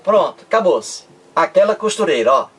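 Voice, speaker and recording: A man teaching grammar to online viewers in a casual lesson. He keeps saying "look here" and slows way down to stress example phrases. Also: high-pitched, sing-song, a bit bright, a little hiss or hum.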